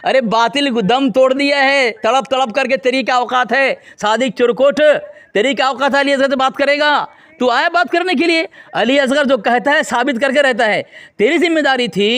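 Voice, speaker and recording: A man's voice: very high voice, moderate pace, fairly bright tone, clear, resonant tone. A man in a heated religious debate, combative and taunting as he insults his opponent over a call.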